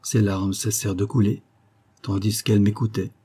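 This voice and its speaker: A man narrating a literary story in the first person for an audiobook, in a measured, steady manner. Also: lowish voice, breathy edge.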